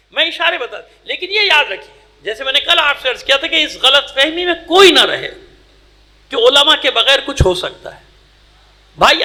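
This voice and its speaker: A male cleric delivering a sermon at a mourning gathering, emphatic and scolding, firing rhetorical questions and swinging between loud outbursts and low asides. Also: noisy background. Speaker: Shia cleric giving a majlis. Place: imambargah during a mourning gathering.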